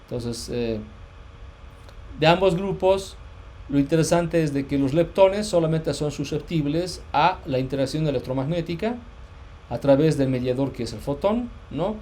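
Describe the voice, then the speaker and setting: Male physics lecturer, mellow tone, hesitant and repetitive delivery, slight noise in the recording. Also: on the high side, expressive, moderate pace. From Bolivia. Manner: hesitant, many fillers and restarts, checks understanding often. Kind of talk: university lecture.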